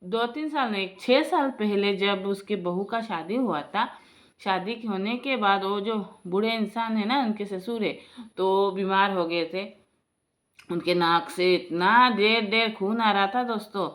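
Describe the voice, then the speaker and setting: A woman telling a family story to her viewers in a loose, chatty voice. She talks directly to her listeners as friends and often breaks off and restarts her sentences. Her pitch sits in an ordinary middle range. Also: measured pace, fairly bright tone. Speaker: storyteller, vlogger. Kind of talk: casual spoken storytelling.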